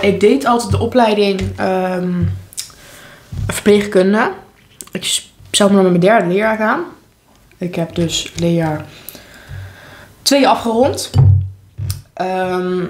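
A young woman in a casual mukbang vlog, chatting candidly and informally between bites in a room at home. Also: mid-range voice. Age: young adult. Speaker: vlogger. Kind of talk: casual chat while eating, mukbang vlog. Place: living room at home, indoors. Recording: echoey room, clear background noise.

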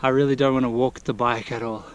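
A man's voice: medium pitch, fairly even intonation, fast, dull audio. Breathless young man filming a hard climb. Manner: strained, panting self-talk between climbs. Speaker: vlogger. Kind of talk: cycling vlog to camera. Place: outdoors on a mountain road. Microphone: action camera on the bike. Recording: loud wind and road noise.

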